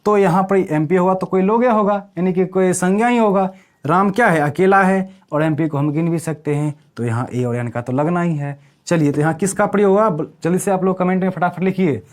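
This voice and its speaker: Speaking a little fast in a high-pitched voice, a male teacher works through English grammar, putting questions to the class, checking in, and supplying the answers on his own.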